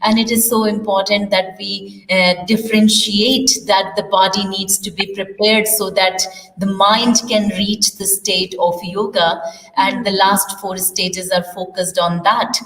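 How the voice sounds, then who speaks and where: A woman yoga teacher hosts a talk, guiding the conversation in a gentle, explanatory way. Her voice sits at a middling pitch. It sounds distant from the mic, in a roomy space with a long echo. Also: flat delivery, measured pace. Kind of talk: conversational interview.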